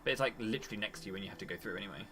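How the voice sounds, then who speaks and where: A man livestreaming his speedrun, chatting quickly and teasingly over a headset mic while he plays. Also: fairly low pitch, sharp tone, a little hiss or hum. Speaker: speedrunner streaming his run. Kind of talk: casual chat while playing.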